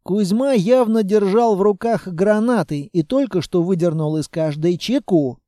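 A man narrating a first-person adventure audiobook in a measured, dramatic way. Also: high-pitched, dark tone, dry recording, clean studio sound.

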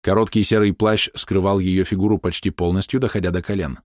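A man reading a first-person fantasy audiobook in a lively, expressive way. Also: deep voice, a little fast, dry recording, studio quality. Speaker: audiobook narrator.

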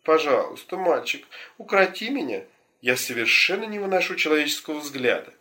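A man's voice: on the high side, very animated, brisk, pushed and bright, pitched above the performer's own voice. Man voicing a pleading little dog.

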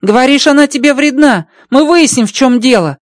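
A man voicing an excitable male spider-like alien engineer in an audiobook, speaking in broken grammar. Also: very high voice, brisk, dry recording, studio quality, pitched above the performer's own voice. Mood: pleading, upset. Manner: broken grammar, tags questions with a spoken word. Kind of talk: audiobook character voice.

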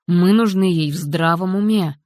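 A woman's voice: lowish voice, moderate pace, a little mellow, no echo, clean studio sound, close to an everyday voice. A woman reading an audiobook, voicing a tense husband who speaks in a restrained, urgent, pleading way. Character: anxious husband, controlled and pleading.

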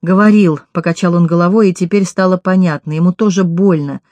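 A woman reading a first-person novel aloud in a measured, intimate storytelling manner. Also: fairly low pitch, steady tone, dark tone, dry recording, highs cut off. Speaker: audiobook reader. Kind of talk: first-person audiobook narration.

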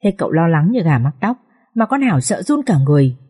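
A woman's voice: lowish voice, big pitch swings, quick pace, dark tone, breathy edge. A woman narrating a drama story expressively as an audiobook reader.

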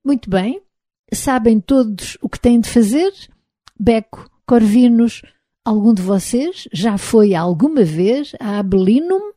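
Give this young Roman engineer a brisk, impatient voice that gives orders in quick bursts, as a woman with a European Portuguese accent reads him in a storybook telling. The tone stays dark and mellow, pitched a touch above her narration. The sound is close and dry. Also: lively intonation, no echo. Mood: commanding.

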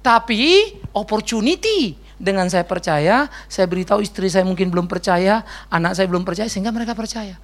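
A man's voice: sits high, lively intonation, moderate pace. A man pastor giving a casual, joking sermon and answering questions, slangy and sprinkled with English words. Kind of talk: conversational sermon with Q&A.

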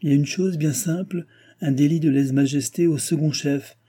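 Zealous court minister, read by a man, dark, husky, pushy. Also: a little high, a little fast, pitched above the performer's own voice. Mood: insistent. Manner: firm, insistent. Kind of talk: audiobook reading.

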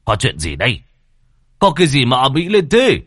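A man's voice: mid-range voice, huge pitch swings, normal speed, fairly bright tone, no room sound, clean studio sound, pitched above the performer's own voice. A man voicing a short-tempered old landowner who barks and scolds in a horror storybook reading. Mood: scolding. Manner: barking, scolding.

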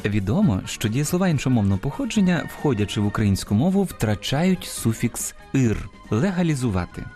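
A man hosting an educational radio program on language, explaining words in a measured way and stressing each example. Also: mid-range voice, sing-song, music in the background. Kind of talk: scripted educational radio talk.

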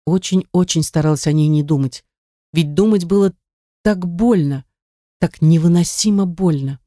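A woman narrating a story in an even, close storytelling manner. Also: lowish voice, normal speed, dry recording. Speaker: audiobook narrator. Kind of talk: scripted narration.

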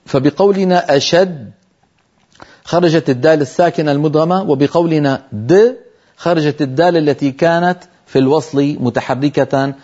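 Male tajweed teacher, scholarly and hesitant with fillers, drawn-out recited examples, dark timbre. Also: medium pitch, slightly rough, lo-fi sound. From Syria. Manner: explains slowly, then recites example words drawn out. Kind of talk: televised tajweed lesson.

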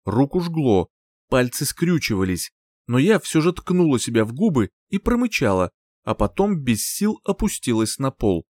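A man reading an audiobook in first person, expressive and lively, close to the mic. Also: mid-range voice, normal speed, dry recording. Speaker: audiobook reader. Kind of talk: scripted narration.

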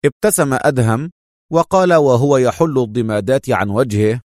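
Man narrating an expressive audio story. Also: medium pitch, normal speed, dry recording, clean studio sound.

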